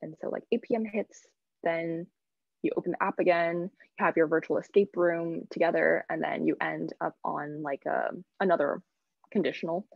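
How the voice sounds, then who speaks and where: A woman's voice: on the low side, fairly even intonation, normal speed, gravelly, dry recording. A woman in her twenties presenting a workshop casually and chattily over a video call, with muffled audio. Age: 20s. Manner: informal, chatty.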